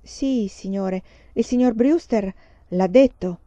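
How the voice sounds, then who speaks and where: A woman's voice: a little high, slow pace, dark tone, no room sound, highs cut off. A woman reading aloud voices an earnest, hesitant fifteen-year-old girl in a storybook. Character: eager anxious teenage girl, fifteen.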